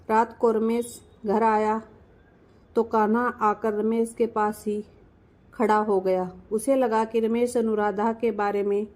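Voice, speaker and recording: A young adult woman narrating a family story in a gentle, measured storybook manner. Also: medium pitch, rough recording.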